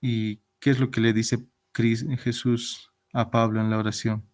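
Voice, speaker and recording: A man's voice: medium pitch, level tone, unhurried, a little mellow. A man teaching a Bible class as pastor, asking rhetorical questions and acting out quoted voices.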